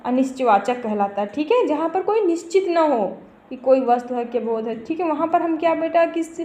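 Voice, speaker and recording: Her voice sits high, with lively intonation, a brisk pace, and a dark tone. She's a teacher giving a grammar lesson in an echoey room, calling students "beta," repeating each term, and checking their understanding.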